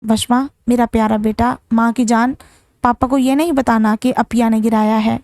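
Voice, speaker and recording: A woman voicing an anxious, gentle young mother who speaks softly and pleadingly. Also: a little high, fairly even intonation, normal speed, no echo, studio quality, close to an everyday voice.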